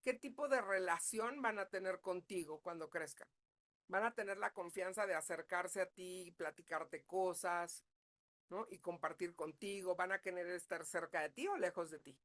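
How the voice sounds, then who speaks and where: A woman leads a parenting class as a psychologist. She talks in a relaxed, conversational way and keeps checking in with her listeners. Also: fairly low pitch, normal speed. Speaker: psychologist leading a parenting talk. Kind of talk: live online parenting class.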